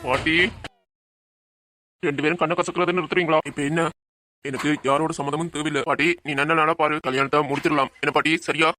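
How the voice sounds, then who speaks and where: A man's voice: on the high side, level tone, fairly quick, bright, forceful tone, dry recording. A man voicing an earnest, protective young man who comforts his cousin. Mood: decisive. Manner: reassuring, firm.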